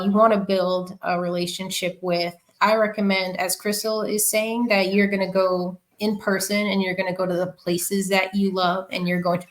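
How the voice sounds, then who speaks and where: A woman's voice: medium pitch, rough recording. Earnest New York woman giving advice. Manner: earnest, measured, with fillers. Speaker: podcast guest. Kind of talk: interview answers, giving advice.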